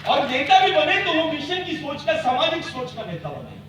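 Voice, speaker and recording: Heavily echoing distant recording, loud noise, man, booming rousing speech, exhortatory. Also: big pitch swings, moderate pace. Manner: emphatic, exhortatory, repetitive phrasing, rhetorical questions. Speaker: activist leader addressing a community convention. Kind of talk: booming, rousing political-style speech to a gathering.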